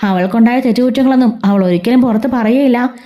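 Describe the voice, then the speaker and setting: A woman's voice: a little high, fast talker, mellow, close to an everyday voice. A woman voicing a bitter, scheming middle-aged woman who makes angry, indignant accusations.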